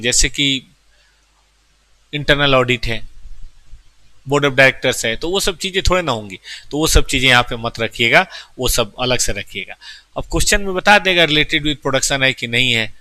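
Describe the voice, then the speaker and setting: A man teaches a lecture class in a very bright, keen voice, explaining each term step by step. He keeps asking his students questions and talks to them fondly. The sound is dry and close, with no room echo. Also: mid-range voice. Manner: affectionate, calls students "beta".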